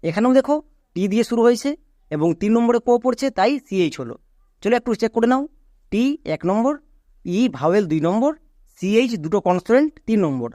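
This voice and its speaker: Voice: medium pitch, animated, a little fast, mellow, no room sound, studio quality. A teacher explaining English spelling rules step by step, drilling each point by repeating it and spelling words out letter by letter.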